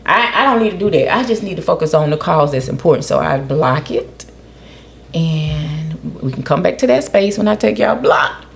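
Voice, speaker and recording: Lively woman podcast host. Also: medium pitch, vocal fry. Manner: animated, questioning, often quotes others in a raised voice. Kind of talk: casual chat.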